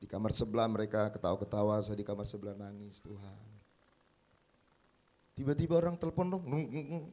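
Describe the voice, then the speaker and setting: A man preaching a sermon as pastor at a church service, emphatic, swinging between loud exclamations and quiet, confiding passages. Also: on the low side, fairly quick.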